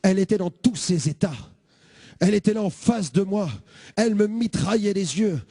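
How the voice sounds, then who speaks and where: Tell it big: a high-pitched preacher sharing his testimony, bursts of shouting, dry sound. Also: moderate pace, no echo. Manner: animated storytelling, bursts of shouting. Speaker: evangelist. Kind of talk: testimony sermon.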